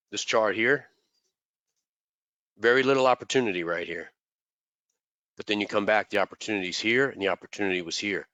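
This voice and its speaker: Speaking into a desk microphone, a male trading mentor leads an informal live class, his congested delivery rambling and full of repeated words. The voice leans low, pushed and bright, and the recording is dry.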